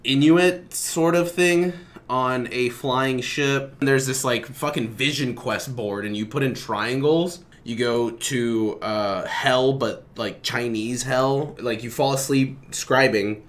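A man giving casual comedic commentary while playing a video game, excitable, laughing often and swearing freely. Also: mid-range voice, takes it slowly. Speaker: co-host of a game playthrough.

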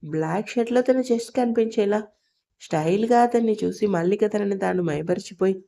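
A woman's voice: mid-range voice, fairly quick, vocal fry, warm tone. Woman narrating an audio story. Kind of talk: scripted narration.

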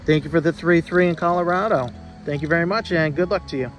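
A man's voice: a little high, quick pace, soft background music. A man working as an amateur radio operator, repeating reports and spelling call signs in the phonetic alphabet. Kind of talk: amateur radio contact calling. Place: outdoor park radio activation.

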